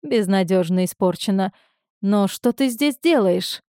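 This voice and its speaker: A woman's voice: mid-range voice, lively intonation, unhurried, warm tone, no echo, clean studio sound, natural voice. A woman voicing an angry, domineering young man who speaks in curt commands.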